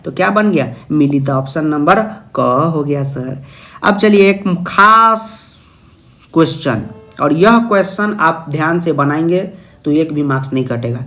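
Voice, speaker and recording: High-voiced playful Sanskrit tutor. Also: male voice, a little slow, bright, forceful tone, a little hiss or hum. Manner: playful, jokey, asks questions then answers in a student's voice. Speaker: Sanskrit teacher. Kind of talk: exam-prep video lesson.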